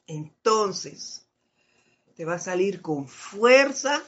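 Slow-speaking woman giving spiritual teaching. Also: medium pitch, lively intonation, fairly bright tone, breathy edge. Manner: reads passages aloud and explains them, addressing listeners as brothers. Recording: dull lo-fi recording.

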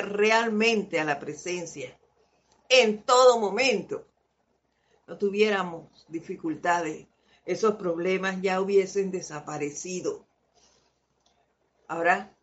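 Speaking in a fairly low yet somewhat bright voice, with the highs cut off in the recording, a woman hosts an informal live spiritual talk. She moves slowly through stories from her life, laughing often while she teaches.

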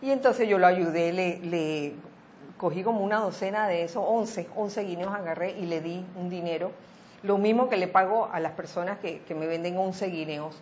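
A woman tells an everyday anecdote in a relaxed conversational chat, slipping into quoted voices as she goes. The audio is a little dull, with faint noise underneath. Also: on the low side, moderate pace. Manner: animated, acts out quoted voices. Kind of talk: casual storytelling chat.

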